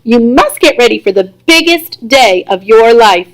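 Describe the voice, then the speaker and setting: A woman's voice: fairly high pitch, expressive, unhurried, low-quality recording. A woman reading aloud voices an eager elderly grandfather who rattles off urgent instructions.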